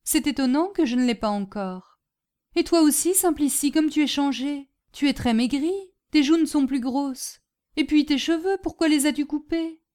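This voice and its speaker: A woman's voice: high voice, normal speed, dark tone, pitched above the performer's own voice, close to an everyday voice. A woman voicing a pale, bullied young schoolboy who speaks plaintively.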